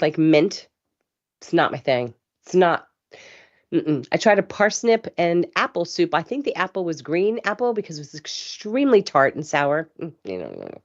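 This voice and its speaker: A woman hosting a casual live show, chatty and rambling, with a hoarse voice from a cough. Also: on the low side, dull audio. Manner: chatty, rambling, laughs easily. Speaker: host.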